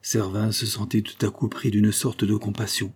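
A man reads a classic novel aloud as a measured, even storyteller. His voice sits low and sounds dark and husky. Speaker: audiobook narrator. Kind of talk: scripted literary narration.

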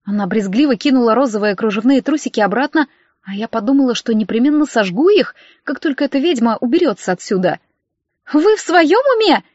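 A woman reading a novel aloud in first-person, narrating with lively expression. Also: fairly high pitch, fast talker, no echo. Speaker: audiobook narrator. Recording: dry, dull lo-fi audio.

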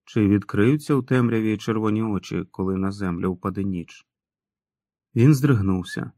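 A man's voice: lowish voice, moderate pace, warm tone, no room sound, clean studio sound. A man reading an audiobook in a dramatic, storytelling manner. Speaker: audiobook narrator. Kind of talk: scripted narration.

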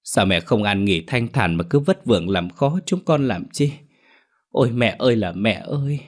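A grieving middle-aged woman in a ghost story, keening and lamenting at the top of her voice, put on by a male narrator. It rises higher and louder than his narration. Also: expressive, normal speed, lightly acted. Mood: wailing. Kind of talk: storybook character voice.

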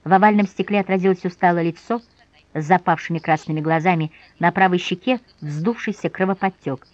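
A woman reading a novel aloud in a measured, expressive way. The sound is dry and close, with a slightly dull tone. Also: lowish voice, dry recording. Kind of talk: audiobook narration.

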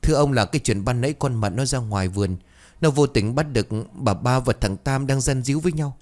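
A frightened young male servant from a spoken ghost story, voiced by a man. His voice is pitched high, breathless and stammering. He is urgent and fearful. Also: fairly quick, a little mellow, lightly acted.

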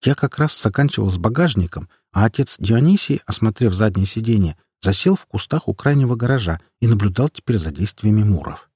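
A man's voice: on the low side, expressive, brisk, hardly any pauses, darkish tone, breathy edge, dry recording, studio quality. A man narrating an action story audiobook in the first person, telling it dramatically.

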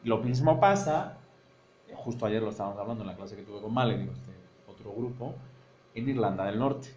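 A man's voice: lowish voice, lively intonation, fairly quick, a little mellow, reverberant, slight background noise. A man from Madrid with a Spanish accent, a university teacher giving a seminar lecture, who explains step by step and keeps checking that the class follows him. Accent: Spanish from Spain, Madrid. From Spain (Madrid). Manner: explanatory, thinks aloud, checks understanding with frequent "¿no?".

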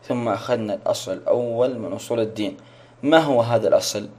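A man's voice: medium pitch, quick pace, a little mellow, slightly rough. A man teaching a religious lesson online, asking questions, repeating them and praising his students' answers.

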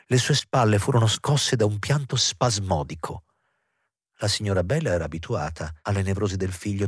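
A man narrates a literary novel in a measured, expressive reading. His voice is low and husky, and the recording is dry and close with no room around it. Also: dry recording. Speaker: audiobook reader.

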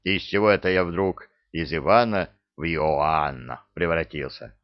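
A man's voice: low voice, unhurried, muffled recording. A man voicing a plain-spoken, grumbling male tsar. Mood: musing grumble.

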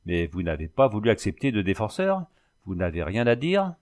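A man's voice: fairly low pitch, big pitch swings, moderate pace. A man voicing a stern, officious court president who questions the accused. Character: stern, nervous older male court president.

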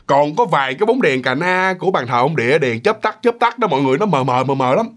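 A man's voice: a little high, expressive, fast talker, fairly bright tone. A man with a Southern Vietnamese accent telling a ghost story in a casual, chatty way, speaking directly to his listeners and acting out the sounds.

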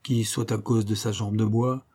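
Un homme qui joue un contremaître calme et rusé, dans un livre audio. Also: male voice, fairly low pitch, normal speed. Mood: sly. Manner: calm, sly. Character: calm sly male mill foreman.

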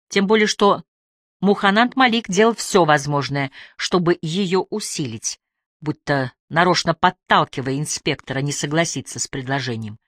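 Expressive woman audiobook narrator. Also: low voice, dry recording, clean studio sound. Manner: clear, expressive reading. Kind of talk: scripted narration.

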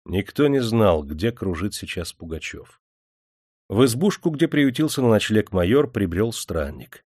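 A man narrating an audiobook in a steady, even storytelling manner. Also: lowish voice, measured pace, husky, no room sound, studio quality. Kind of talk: scripted narration.

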